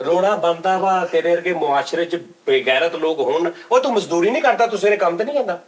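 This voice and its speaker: A man's voice: high voice, lively intonation, fast, rough recording. A man with a Punjabi accent hosting a comedy interview, lecturing and probing the people he questions. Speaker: host interviewing fraudsters.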